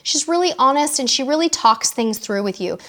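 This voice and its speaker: A woman's voice: sits high, lively intonation, a bit bright. A woman in her forties hosting a live cruise Q&A, chatting casually and reading out viewer comments in a bubbly way. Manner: bubbly and chatty, quick asides.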